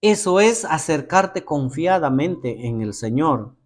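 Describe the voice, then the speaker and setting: A male pastor delivers an expressive sermon. His voice sits high and swings widely in pitch. He speaks slowly and deliberately. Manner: expressive preaching, acting out prayers and letters.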